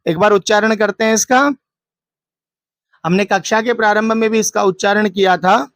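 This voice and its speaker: A woman Sanskrit teacher going through an exam paper, posing questions and answering them herself, and chanting verses slowly. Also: mid-range voice, fairly even intonation, dry recording. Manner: asks and answers her own questions; recites verses in a slow chant. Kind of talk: exam paper walkthrough lesson.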